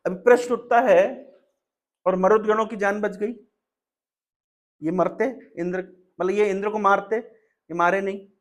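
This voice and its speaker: This is a male preacher giving a devotional storytelling sermon. His voice is notably high, and he speaks emphatically, repeating key phrases and posing rhetorical questions to the listeners. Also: fairly even intonation, unhurried, pauses often.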